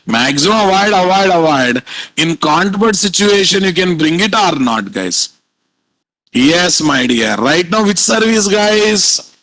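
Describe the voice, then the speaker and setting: A man with a high voice and a Telugu Indian accent gives a live technical class. He drills each point through repetition and keeps firing questions at his students. The sound is dry and close. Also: sing-song, unhurried, fairly bright tone, no echo, rough recording. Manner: repeats points and quizzes listeners with frequent rhetorical questions. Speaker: programming instructor.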